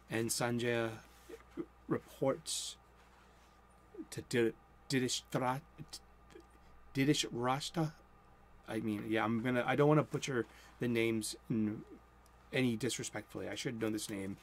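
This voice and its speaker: Slight background noise accompanies a medium-pitched male voice. The speaker is the host, a Bostonian in his forties preaching casually from a cluttered room at home. He rambles, cuts himself off, and mumbles while speeding up when excited.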